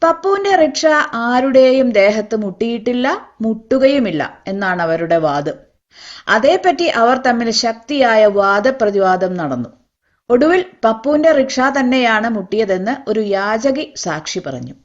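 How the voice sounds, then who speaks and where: A woman reading a novel aloud in measured, expressive storytelling. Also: a little high, highs cut off. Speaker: narrator. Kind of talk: scripted novel narration.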